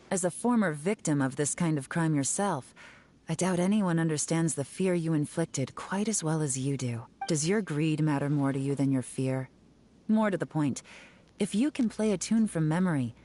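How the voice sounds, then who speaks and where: A woman voicing a cool, self-assured enforcer in a video game, measured and commanding with a wry, stern edge. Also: deep voice, lively intonation, dark tone.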